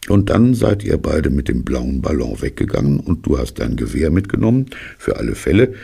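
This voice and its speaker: An older man narrating a children's story for an audiobook, telling it with lively inflection. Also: extremely low pitch, normal speed. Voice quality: gravelly, husky.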